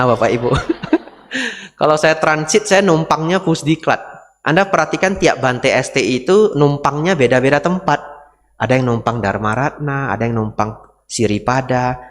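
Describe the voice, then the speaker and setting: A man's voice: mid-range voice, normal speed. A man, a Buddhist monk, giving a dharma talk in a conversational way and often asking the audience rhetorical questions. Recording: reverberant hall.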